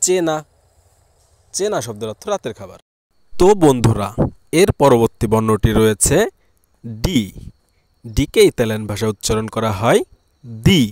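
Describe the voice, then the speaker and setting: A man from Bangladesh with a Bangladeshi Bengali accent, teaching a language lesson and slowly repeating each word and its meaning. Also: medium pitch, lively intonation, darkish tone, slight background noise.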